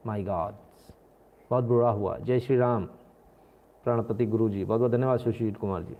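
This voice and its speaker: A man's voice: fairly low pitch, fairly even intonation, moderate pace. A man hosting a live stream, giving combative, mocking political commentary. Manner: combative and mocking, slips into acted voices. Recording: tinny phone-like sound.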